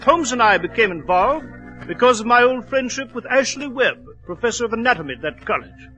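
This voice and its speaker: An actor playing a genial British doctor who courteously recounts detective memoirs, in 1940s radio drama style. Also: male voice, very high voice, lively intonation, brisk, bright, forceful tone, full character voice, rough recording. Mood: storytelling. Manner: courteous, formal. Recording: old radio broadcast, faint music behind.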